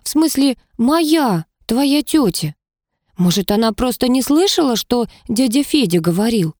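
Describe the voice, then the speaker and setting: A woman voicing a timid, gentle teenage girl who talks hesitantly and softly, in a dry recording. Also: fairly high pitch, very animated, measured pace, dry recording, pitched above the performer's own voice.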